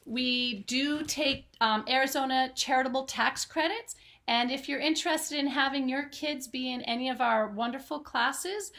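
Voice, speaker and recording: In a high voice with a fairly bright tone, a woman performs a picture-book read-aloud for young children. She hosts the story time and tells the story in a dramatic, singsong manner.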